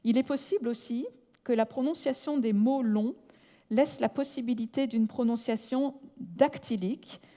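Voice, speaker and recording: A woman's voice: on the high side, dark tone. Woman reading a lecture in a reverberant hall. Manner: measured, deliberate, slows to spell out terms; breaks off with brief asides in English. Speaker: conference speaker. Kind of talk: reading a prepared academic lecture.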